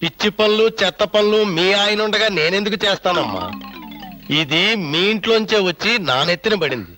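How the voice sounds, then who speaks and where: Meddling uncle: bright, high, mocking tone. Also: male voice, expressive, a little fast, soft background music. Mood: indignant. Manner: mocking, accusatory. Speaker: supporting actor in a film. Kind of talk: film comedy dialogue.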